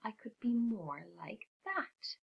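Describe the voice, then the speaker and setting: A woman voicing a tiny, timid male mouse in a storybook reading, earnest and squeaky. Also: very animated, moderate pace, phone-quality sound. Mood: wishful. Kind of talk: storybook read-aloud.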